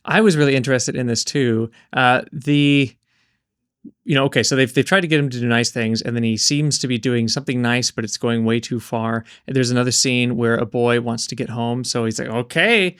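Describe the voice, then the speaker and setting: A man co-hosting a casual book discussion. He thinks aloud in a questioning way, with hesitant ums and uhs, at a middle pitch. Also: fairly even intonation, a little fast, clean tone, dry recording, clean studio sound. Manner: thoughtful, questioning, with hesitant fillers. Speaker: book podcast co-host.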